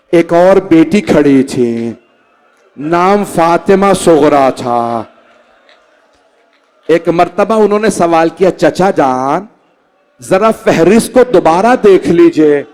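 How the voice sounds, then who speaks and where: A man with a Pakistani Urdu accent, a cleric reciting a Muharram sermon before a congregation in a large hall, in a slow, drawn-out lamenting way that rises to pleading cries. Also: fairly high pitch, a little mellow. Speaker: Shia cleric reciting a majlis.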